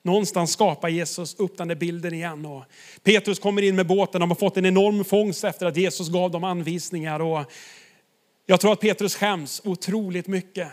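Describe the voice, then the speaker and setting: A man's voice: high-pitched, steady tone. A man preaching a sermon, retelling a story with emphasis and turning to the listeners directly.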